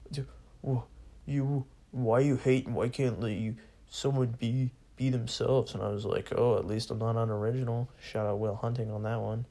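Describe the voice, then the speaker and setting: A young man with a low, gravelly voice rants to nobody in particular on his solo podcast. He sounds bored and sarcastic, and he swears constantly. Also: a little mellow. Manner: profane, bored and sarcastic, laughs often. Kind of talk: casual solo rant.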